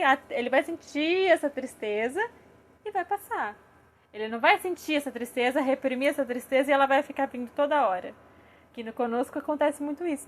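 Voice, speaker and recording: Brazilian lady doing a chill live talk, soft explainy tone, says "né" a lot, voice on the higher side. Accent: Brazilian Portuguese. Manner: gentle, explanatory, frequent "né?". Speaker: parenting educator.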